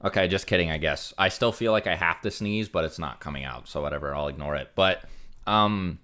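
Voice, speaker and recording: Reading out donations on a livestream, this young man rambles casually, his talk stuffed with "like," "um" and other fillers. He has a low voice and speaks fairly quickly, with a pushed, bright sound.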